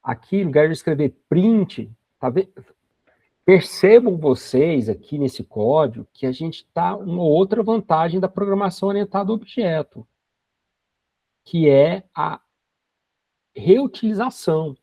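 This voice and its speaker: A man in his forties with a warm, animated voice on the high side explains coding steps at an unhurried pace, patiently and with frequent tag questions. The screen-recorded lesson has dry, dull, lo-fi sound.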